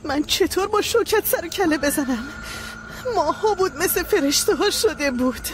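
Brief: a begging mother, very high voice. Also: expressive. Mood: pleading. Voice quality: pleading. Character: frightened mother pleading with her son. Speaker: dubbing actor. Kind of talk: Persian dub of a TV drama.

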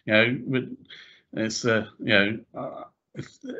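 A man's voice: medium pitch, big pitch swings, measured pace, bright, forceful tone, muffled recording. A man hosting a casual podcast chat, talking hesitantly with many fillers and repeated words.

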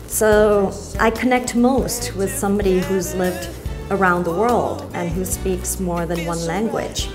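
A woman in her thirties, raised across several countries, talking fondly and at a measured pace about her fiancé in a sit-down interview in a bright sunroom. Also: medium pitch, steady tone. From Thai, French and American, raised abroad. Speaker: bride-to-be interviewee. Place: bright glass sunroom with garden outside. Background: soft music.

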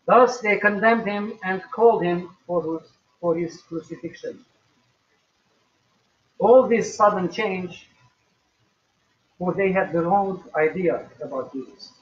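Older preacher, slow and echoey. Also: male voice, high-pitched. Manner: slow, measured preaching with emphatic rises. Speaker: pastor. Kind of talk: recorded sermon. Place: small home room, indoors. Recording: echoey, distant, dull webcam audio.

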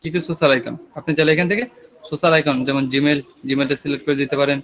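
Quick talking bangladeshi guy teaching web design online, kinda high voice, a little sore throat. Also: steady tone, fairly bright tone, poor audio. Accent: Bangladeshi Bengali. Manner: casual, talks students through screen steps with checking questions. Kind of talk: online class lecture.

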